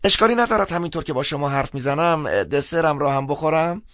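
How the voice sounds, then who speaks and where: A man's voice: very animated, no room sound. A man voicing a garrulous old male theologian servant who lectures and chuckles slyly, in a dry studio narration. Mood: chatty. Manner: lecturing, chuckling, speaks with raised pitch.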